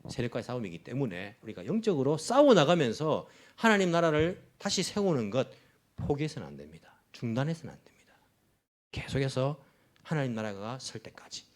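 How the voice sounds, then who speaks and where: Lively middle-aged man preaching a sermon. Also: medium pitch. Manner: animated preaching, acts out mocking voices of opponents. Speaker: pastor. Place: church in Tokyo.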